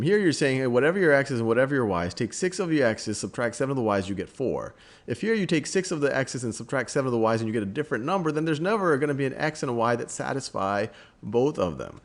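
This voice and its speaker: A man explaining algebra step by step in a relaxed, conversational way, thinking aloud and repeating words as he writes. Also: medium pitch. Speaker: math teacher. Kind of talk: explaining math at a virtual blackboard.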